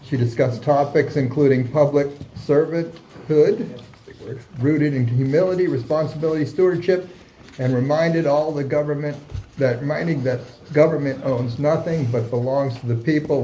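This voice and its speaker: A man's voice: a little high, a little mellow, poor audio. A man reading meeting minutes aloud as vice secretary, stumbling over the odd word. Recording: meeting room with clear background noise.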